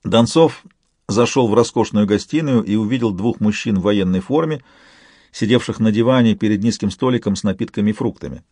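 Low-voiced male audiobook narrator. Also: no room sound, clean studio sound. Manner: steady, measured storytelling. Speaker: audiobook reader. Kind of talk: scripted narration.

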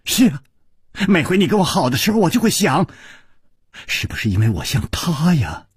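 A man's voice: fairly low pitch, wildly swooping pitch, slow, darkish tone, no room sound, clean studio sound, pitched below the performer's own voice, full character voice. Coy taunting young woman, as a man reads her. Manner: taunting, coy, breathy murmurs. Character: teasing jealous-baiting young woman.

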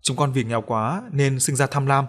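A man's voice: medium pitch, steady tone, moderate pace, natural voice. A man voicing an earnest, anxious village husband in a spoken folk tale. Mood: pleading. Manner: earnest, pleading.

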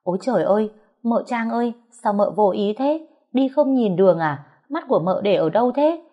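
A woman voicing a spiteful young woman, a demoted concubine, who scolds and sneers in a high, shrill voice in a storytelling audiobook. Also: lively intonation, normal speed, muffled recording, close to an everyday voice. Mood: accusing.

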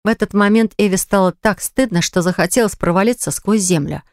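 A woman reading an audiobook in measured scripted narration on a close studio mic. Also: medium pitch, no room sound.

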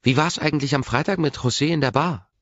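A man's voice: fairly high pitch, fast, a bit bright, no room sound, pitched above the performer's own voice. A man voicing a nosy, pushy young woman in an audiobook, prying and teasing, on a dull lo-fi recording.

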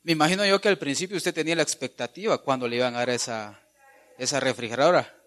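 A man's voice: medium pitch, fast, a bit bright. A man preaching a sermon, fervently repeating phrases and calling out to the congregation.

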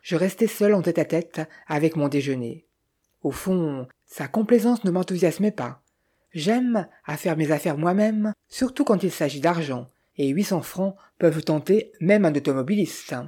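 Mellow, husky audiobook narrator. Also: mid-range voice. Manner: measured, steady storytelling. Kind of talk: scripted first-person narration.

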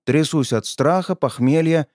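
Man, audiobook narrator, wry deadpan delivery, dry close sound. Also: a little high, a little slow, no echo.

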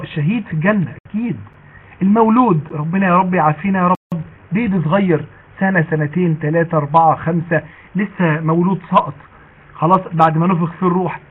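An Egyptian man gives a lesson to women in a quick, chatty way. His voice is a little high and husky. It sounds tinny, like it came over a phone line. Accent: Egyptian Arabic. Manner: chatty and conversational, slowing to recite quoted sayings. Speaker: preacher teaching women. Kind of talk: colloquial religious lesson.

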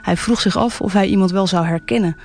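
A storyteller reading a tale aloud for radio, gentle and unhurried. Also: medium pitch. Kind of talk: calm storybook narration on radio.

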